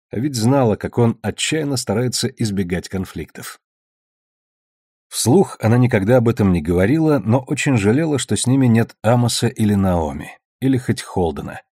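A man narrating a novel as an audiobook reader, in an even, measured way. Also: mid-range voice, slightly rough, no room sound, clean studio sound.

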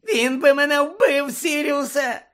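Pettigrew, a high sobbing coward. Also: male voice, measured pace, fairly bright tone. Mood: whimpering pleading. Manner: whining, pleading, tearful. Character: cowering, sobbing middle-aged male traitor wizard. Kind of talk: audiobook reading.

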